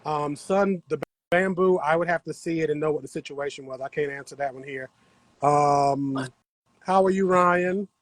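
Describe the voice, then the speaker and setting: With a higher-leaning voice at a normal pace, a man chats with his viewers on a casual gardening livestream. He works the soil on an outdoor patio, and the recording is dry.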